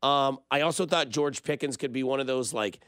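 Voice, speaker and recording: A man hosting a fantasy football advice show on sports radio, animated and opinionated as he chats with listeners. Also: medium pitch, fairly quick, clean tone, no room sound. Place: radio studio.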